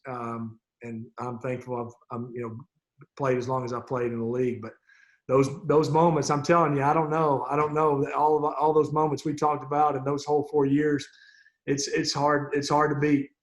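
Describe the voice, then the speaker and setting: A man's voice: medium pitch, level tone, moderate pace, lo-fi sound. A middle-aged man reminiscing casually on a video call. He rambles, restarts his sentences and chuckles often. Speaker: former player on a team reunion call.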